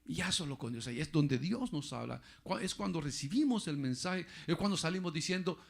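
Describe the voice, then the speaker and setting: A man pastor preaching a sermon, repeating phrases and often calling listeners "brother", going loud for emphasis and dropping quiet for asides. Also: a little high, lively intonation, fairly quick, vocal fry.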